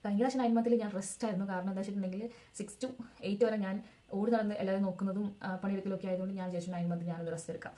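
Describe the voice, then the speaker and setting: A woman's voice: medium pitch, fairly even intonation, racing, dark tone. A young woman casually telling her own story as a vlogger, in a chatty, rambling way that backtracks to add details.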